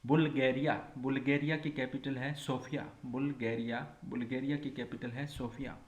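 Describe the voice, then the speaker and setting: Male teacher, mid pitch, drill-style recitation, roomy echo. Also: flat delivery, normal speed, dull audio. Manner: repeats each item as question and answer. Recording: echoey room.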